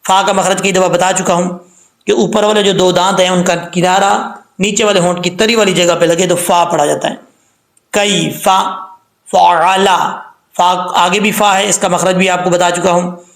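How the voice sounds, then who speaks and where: Man, high voice, recitation teacher, slow chanted verses, echoey room. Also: steady tone. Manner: explains letter sounds, then repeats them drawn out and sung; says "ok" and "theek hai" between points.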